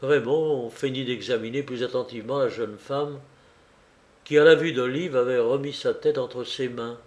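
A man's voice: mid-range voice, steady tone, moderate pace, darkish tone. Man reading a novel aloud. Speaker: audiobook narrator. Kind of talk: scripted narration of a novel.

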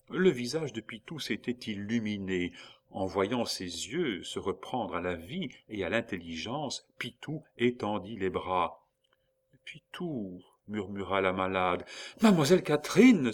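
A man reads a classic novel aloud as an audiobook narrator. His voice sits on the low side, and his delivery is measured and even, the steady pace of scripted storytelling.

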